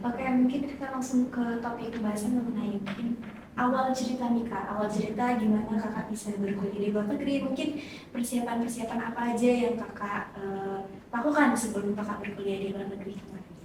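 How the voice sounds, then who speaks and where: A woman's voice: on the high side, fairly even intonation, a little fast. A young woman co-hosting an interview, chatty and playful as she moves on to the questions. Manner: chatty, playful, self-deprecating. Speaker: co-host. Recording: very echoey room, voice from far off, background noise.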